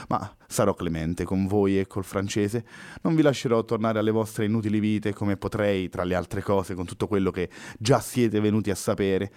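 A man's voice: lowish voice, dark tone, lightly acted. A man reading a story aloud, voicing an arrogant, cold male villain who threatens and sneers.

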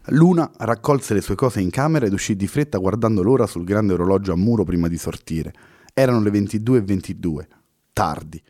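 A man narrating a novel as an audiobook in a measured storytelling manner. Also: on the low side, expressive, dark tone, no echo, clean studio sound. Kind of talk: scripted narration.

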